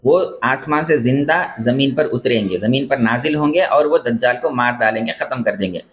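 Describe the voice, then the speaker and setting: Male scholar, religious lecture, measured explaining voice, middle pitch, repeats key phrases. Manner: explains terms and corrects pronunciation. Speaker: Islamic scholar teaching beliefs.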